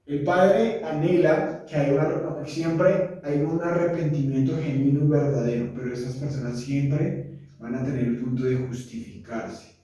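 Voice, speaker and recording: A man preaching and teaching a Bible lesson, slow and emphatic, listing words one by one. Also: on the high side, steady tone, dark tone. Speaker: pastor. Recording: echoey room from far off.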